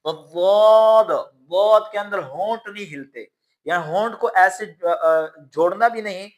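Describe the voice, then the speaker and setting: A man teaching Quran pronunciation, stretching out each letter sound and then calmly explaining how to make it. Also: high-pitched, highs cut off. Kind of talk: slow letter-by-letter pronunciation lesson.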